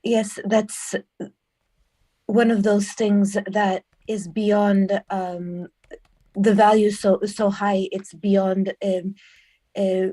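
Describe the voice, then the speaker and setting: A woman from Brazil speaking slowly and thoughtfully as a guest on a video call, pausing often with ums. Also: medium pitch, flat delivery, dark tone. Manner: slow and thoughtful, many pauses and ums. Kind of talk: casual spoken remarks.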